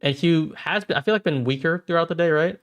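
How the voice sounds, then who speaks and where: Speaking quickly in a higher, fairly bright voice, this thirtysomething streamer trades futures live while chatting casually with viewers. He often laughs, and he stammers and repeats himself.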